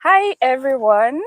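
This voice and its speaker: A woman's voice: high voice, no room sound. Thoughtful young woman from Cameroon. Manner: thoughtful, many ums. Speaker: guest, international student. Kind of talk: casual interview chat. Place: outdoors in a park.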